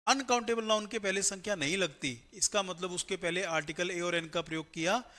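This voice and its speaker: A male grammar teacher giving a step-by-step classroom lecture for exam students, often checking in with a quick "right?". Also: high voice, bright, forceful tone.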